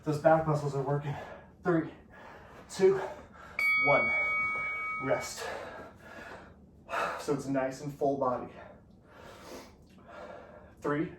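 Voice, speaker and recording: A man's voice: medium pitch, steady tone, slow pace, long pauses. A man coaching a workout, counting down reps with encouragement while breathing heavily. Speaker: fitness instructor. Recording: echoey room, distant from the mic, noisy.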